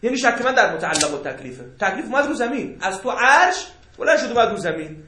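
A man lecturing students on jurisprudence, his voice high and bright as he jokes and fires off rhetorical questions. The sound rings around an echoey classroom. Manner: animated, joking, rhetorical questions. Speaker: seminary teacher. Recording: echoey room.

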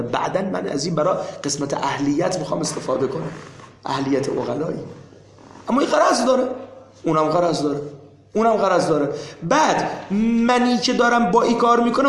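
A man with a fairly high voice leads a seminary class discussion, pressing his explanation and repeating himself to drive points home. The room around him is roomy and echoing. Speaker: teacher.

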